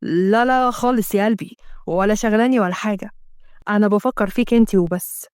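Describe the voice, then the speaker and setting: A man's voice: high-pitched, fast, clean tone, dry recording, clean studio sound, pitched below the performer's own voice, natural voice. A woman voicing a cold, commanding male boss with an Egyptian Arabic accent, giving stern, clipped orders. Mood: smooth.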